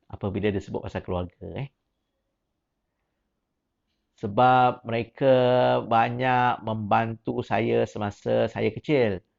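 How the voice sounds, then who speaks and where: A man's voice: lowish voice, gravelly. A man with a Malaysian Malay accent giving a teacher training talk, pressing with repeated questions in rising, emphatic prompts and mixing in English words. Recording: dull lo-fi recording.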